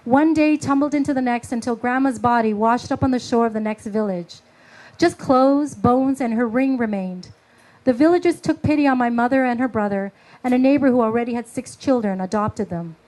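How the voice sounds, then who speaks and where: A woman author slowly reading her own prose at a book launch, after a halting, filler-filled introduction. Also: a little high, a little mellow, rough recording. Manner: halting, filler-heavy speech between readings; slow, measured literary reading.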